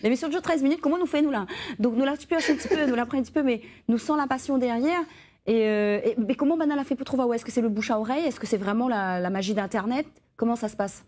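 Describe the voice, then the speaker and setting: A woman's voice: on the high side, quick pace, a little mellow. A woman hosting a radio show, asking a guest casual questions.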